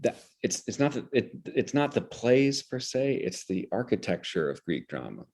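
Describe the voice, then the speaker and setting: The interview guest, a theater director, has a medium-pitched, darkish voice that is very animated yet moderately paced. He lays out ideas reflectively and intellectually, with articulate phrasing he often breaks off and begins again.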